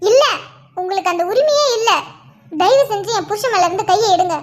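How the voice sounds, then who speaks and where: A woman's voice: extremely high pitch, lively intonation, brisk, slight background noise. A woman voicing a furious young wife in a cartoon drama, accusing and scornful. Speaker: cartoon character voice.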